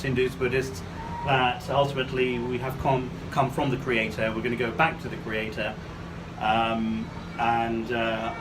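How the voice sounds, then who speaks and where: A man's voice: medium pitch, far from the mic, noisy background. A man from Bangladesh, talking to camera outdoors in a city in a rambling monologue full of fillers. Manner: rambling, hesitant, with many fillers. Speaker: vlogger giving commentary.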